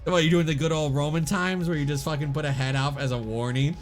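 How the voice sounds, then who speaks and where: A man's voice: fairly high pitch, steady tone, quick pace, faint music behind. A man running a tabletop role-playing session as game master, talking casually, laughing often and swearing now and then.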